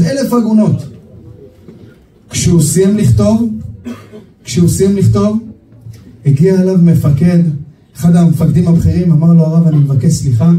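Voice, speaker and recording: A rabbi tells stories in a sermon at a memorial gathering hall, animatedly acting out the people he quotes with sharp swings in pitch. The hall is echoey, his voice sounds far off, and there's faint background noise.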